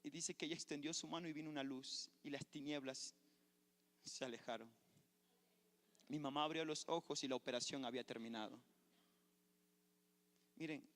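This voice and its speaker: A man's voice: mid-range voice, a bit bright. A man, a pastor preaching a sermon and telling a personal testimony with fervor. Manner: fervent preacher, storytelling testimony. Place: church sanctuary. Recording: echoey church hall.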